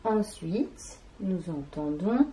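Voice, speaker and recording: A woman teacher giving an early reading lesson to young children, sounding out syllables one by one in a slow and deliberate way. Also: lowish voice, lively intonation, mellow. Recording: echoey room.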